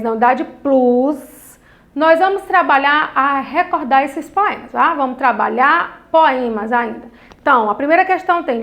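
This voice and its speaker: A woman's voice: high voice, fairly bright tone. A woman teaching a children's class, with a sing-song teacherly way of stretching out the lines of verse as she reads them. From Brazil. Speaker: primary school teacher.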